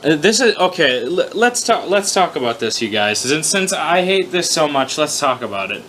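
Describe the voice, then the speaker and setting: Reading his own fan fiction aloud in an informal session, this man has a fairly high voice that swings widely in pitch at a moderate pace, with a sharp edge. He curses casually, makes fun of himself, and trips over his words throughout. There's a little hiss or hum in the recording.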